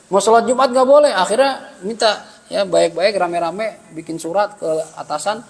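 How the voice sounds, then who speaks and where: A man's voice: high voice, moderate pace, vocal fry. Guy teaching a religious class, jokey and slangy, acts out little scenes, echoey hall. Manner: lively, joking with slangy asides and acted-out dialogue. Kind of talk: Islamic study lesson.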